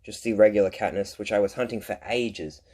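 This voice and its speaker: A man's voice: on the low side, steady tone, fairly quick, a little mellow. A young man chatting casually as he hosts a top ten countdown of his collection, with self-deprecating asides. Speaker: collector, video host.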